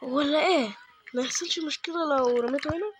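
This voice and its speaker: A man's voice: very high-pitched, fast, over music. A man with an Egyptian Arabic accent doing let's-play horror game commentary, chatty with viewers and yelping at sudden frights. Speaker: gaming YouTuber.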